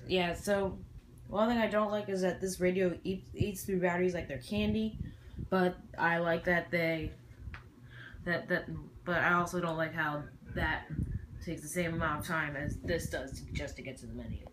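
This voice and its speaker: A hobbyist presenter with a feminine-sounding voice giving a casual, halting, rambling show-and-tell in a noisy amateur home recording. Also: mid-range voice, steady tone, fairly bright tone.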